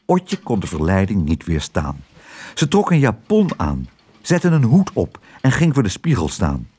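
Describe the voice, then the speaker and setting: A man's voice: fairly low pitch, measured pace, husky. A man narrating a children's audiobook, telling it expressively. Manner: expressive storytelling.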